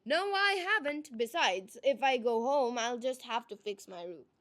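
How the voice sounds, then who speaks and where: A woman performs a sly male trickster from a storybook. The voice is high and swoops upward with melodrama. The manner is folksy, cheerful and full of exaggerated thanks. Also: animated, measured pace, fairly bright tone. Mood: stubborn. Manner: folksy, exaggerated, mock-grateful. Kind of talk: acted storybook dialogue.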